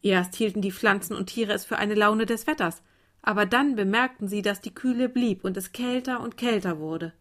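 A woman reading a calm bedtime story aloud in a soft, gentle voice. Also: mid-range voice, normal speed. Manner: calm, soft, turning quieter.

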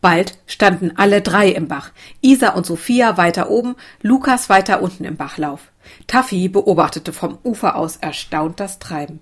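A woman reading a children's storybook aloud in a calm, even way. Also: mid-range voice, normal speed. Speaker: narrator.

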